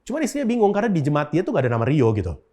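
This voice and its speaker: A man's voice: on the high side, wildly swooping pitch, racing, warm tone. A man, a guest in an interview, telling a personal story in casual chat, with frequent filler words. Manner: storytelling with frequent 'gitu' fillers and acted-out quotes.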